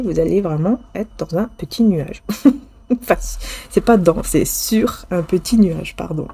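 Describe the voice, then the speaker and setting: A woman giving a casual spoken tarot reading, talking straight to the viewer and often pausing and restarting. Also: lowish voice, mellow, a little hiss or hum. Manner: hesitant, restarts often, many fillers; addresses viewer directly, intimate. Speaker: tarot card reader.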